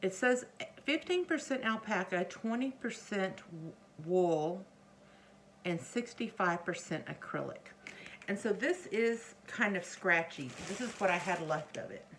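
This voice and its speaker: Showing her things to camera in a casual, rambling way, a middle-aged crochet vlogger speaks hesitantly and keeps trailing off or correcting herself. Her medium-pitched voice is expressive, a little slow, and a bit bright. The audio is poor, with faint background noise and occasional chair creaks.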